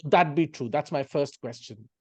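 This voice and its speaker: A man from India interviewing a professor, speaking deliberately in formal, eloquent phrases. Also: a little high, breathy edge, dry recording, muffled recording. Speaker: interviewer, moderator. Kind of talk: formal discussion questioning.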